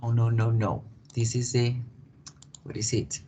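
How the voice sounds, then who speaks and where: A male English teacher giving a class, explaining patiently, repeating key words slowly and asking students questions. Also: medium pitch, steady tone, mellow, a little hiss or hum.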